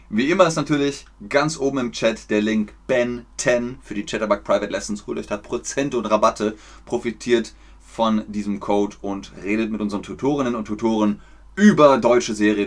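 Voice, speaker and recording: A man from Germany teaching German on a livestream, explaining slowly, clearly and patiently. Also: lowish voice. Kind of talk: livestream language lesson.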